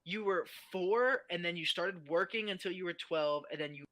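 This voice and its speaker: A man's voice: high-pitched, normal speed, sharp tone. A young adult man talking as a guest in a casual podcast chat, ranting animatedly and swearing a lot.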